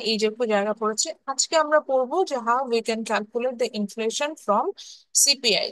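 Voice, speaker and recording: A woman's voice: fairly high pitch, fairly bright tone, no echo, poor audio. A woman university lecturer teaching an online class, mixing English terms into her speech and often checking in with students. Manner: mixes English terms into Bengali, slow deliberate English phrases.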